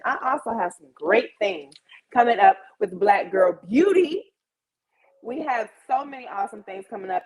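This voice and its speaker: A woman of around thirty hosts a laid-back livestream, chatting informally and with plenty of slang directly to her viewers. Her voice sits high, and the recording is rough.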